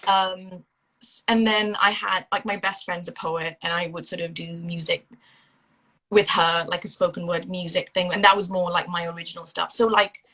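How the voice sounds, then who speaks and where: Woman, 30s, from Singapore, interview guest; bright tone, rambling and filler-heavy. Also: lowish voice, little pitch movement, moderate pace, low-quality recording. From India, raised in Singapore. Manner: chatty, with many fillers and restarts. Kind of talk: casual interview over a phone call.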